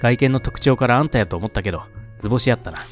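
A man's voice: mid-range voice, lively intonation, quick pace, soft background music, close to an everyday voice. Brash young female detective, attempted Kansai dialect, teasing and pushy, read by a man. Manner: pushy and blunt.

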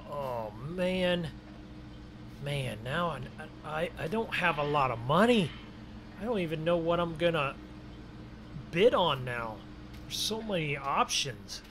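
Hosting a farming game video, a man offers casual, folksy role-play commentary and often exclaims as he plays. His voice is on the high side, with background noise plus game vehicle and ambience sounds.

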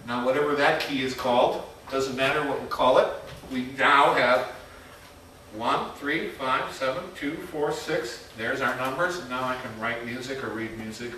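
A man's voice: medium pitch, bright, forceful tone, slight background noise. A man teaching a music theory workshop to a class in a casual, chatty way, quizzing the students as he goes. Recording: very echoey room, mic far off.

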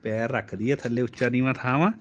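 A man live-streaming as he plays with his toddler, switching between high playful baby talk and a relaxed aside to viewers. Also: fairly quick, dull audio. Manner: playful baby talk, high and animated when talking to the child. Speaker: vlogger.

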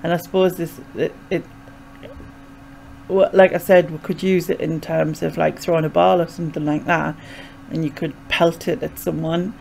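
A young Sunderland woman from North East England, with a Mackem accent, vlogs in a small bedroom, casually and hesitantly rambling through explanations. Her voice sits low with little pitch movement, creaky and a little mellow, at normal speed. The low-quality recording, made close on a desk mic with a pop filter, has slight background noise.

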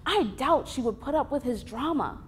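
A young woman from Columbus, an essayist, reading her own essay aloud on stage at a stand mic in a deliberate, vivid way. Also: sits high, animated, some chatter behind, a little hiss or hum. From Columbus, Ohio. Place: theater stage.

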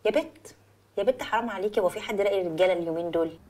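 An actress playing a level-headed young best friend who soothes and coaxes, with an Egyptian accent. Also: female voice, medium pitch, very fast, close to an everyday voice. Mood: chatty. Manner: soothing, coaxing, calms others down. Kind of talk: film drama acting.

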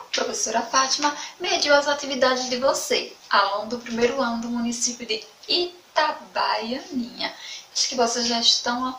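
A woman teacher with a Sergipe Brazilian accent gives an online lesson to young children, speaking in a slow, sing-song way and repeating words. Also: sits high, fairly bright tone. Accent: Sergipe Brazilian Portuguese. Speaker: primary school teacher. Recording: echoey room, mic at a distance, faint background noise.

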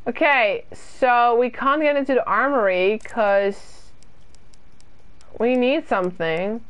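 Slow-paced and on the high side, this young British woman's voice is a bit bright with a clean tone. She's streaming a horror game from a small indoor space, chatting casually, poking fun at herself, and reading viewer comments aloud before answering them.

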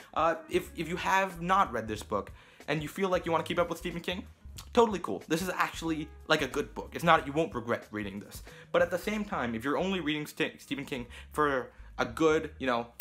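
Teen boy reviewer, rambly and emphatic, middling pitch, faint music under him. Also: bright, forceful tone. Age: teens. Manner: rambling, emphatic, restarts often. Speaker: book reviewer. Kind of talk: casual video review.

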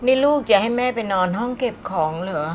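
A woman's voice: fairly high pitch, animated, fast talker, faint music behind, close to an everyday voice. An actress playing a frail elderly mother who is neglected by her grown children and speaks in a meek, hurt way. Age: older. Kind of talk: short-film drama acting.

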